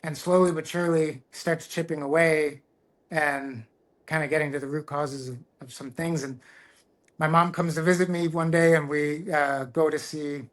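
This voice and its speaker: A middle-aged tattoo artist, appearing as a podcast guest, speaks candidly in a voice a little high for a man, fairly bright and evenly intoned at normal speed. Reflective and earnest, he often stops and restarts phrases while working through a personal story.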